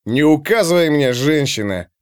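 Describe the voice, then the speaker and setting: A man's voice: fairly high pitch, animated, moderate pace, clear, resonant tone, no room sound, studio quality, lightly acted. A man voicing a drunk, boorish barbarian with a strong Scythian accent, slurring and scornful. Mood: drunk swagger. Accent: strong Scythian accent put on.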